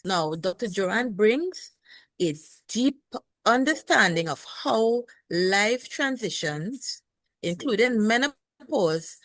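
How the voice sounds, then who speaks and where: A woman's voice: medium pitch, a bit bright, dry recording. A woman nurse hosting a health show, formally introducing her guest and asking broad questions. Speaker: podcast host and nurse.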